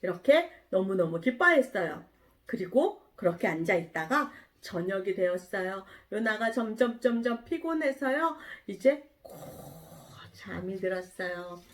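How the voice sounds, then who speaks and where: A woman pastor telling a Bible story in a children's sermon, animated and asking the children questions. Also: mid-range voice, moderate pace.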